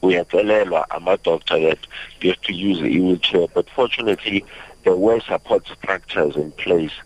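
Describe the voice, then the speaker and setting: Low-voiced young South African man, slightly muffled. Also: moderate pace. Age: young adult. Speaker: interview guest. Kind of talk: personal account in a radio interview. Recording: slightly muffled radio audio.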